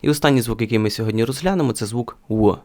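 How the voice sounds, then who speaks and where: A man's voice: medium pitch, racing, a little mellow. A young man in his twenties from Ukraine, giving a pronunciation lesson and spelling out sounds one by one. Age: 20s. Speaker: language teacher.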